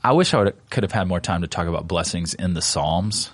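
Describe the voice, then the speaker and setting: A man, a pastor, talking through his sermon in a relaxed, conversational way with plenty of fillers. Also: deep voice, brisk, no echo. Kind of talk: casual podcast discussion of a sermon.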